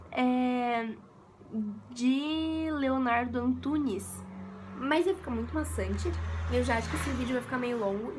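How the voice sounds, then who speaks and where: A young Brazilian woman talks through an exam essay in a casual, chatty lesson, her slightly high voice hoarse from a cold. She leans on fillers as she goes. Traffic noise from the street carries clearly into the room. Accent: Brazilian Portuguese. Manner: chatty, many fillers like "é" and "sabe". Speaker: essay tutor. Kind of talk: casual vlog-style lesson. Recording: noisy room with street sounds.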